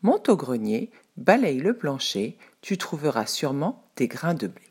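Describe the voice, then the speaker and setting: A practical old village man from a storybook, as a woman puts him on, brisk and reassuring. He talks quickly with a lifted voice. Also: low-pitched, sing-song, darkish tone, breathy edge, full character voice.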